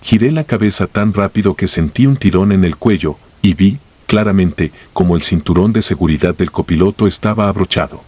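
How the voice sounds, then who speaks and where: Deep, husky man narrating horror. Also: a little fast, hardly any pauses, darkish tone. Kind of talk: scripted first-person horror narration.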